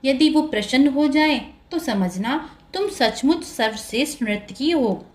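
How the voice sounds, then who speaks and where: A regal male god-king who hands down orders in firm, declarative sentences, as a woman narrator puts him on. The voice sits fairly high, and the storybook telling stays close to the narrator's own voice. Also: animated, a little slow, a little mellow. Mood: instructive. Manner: commanding, declarative.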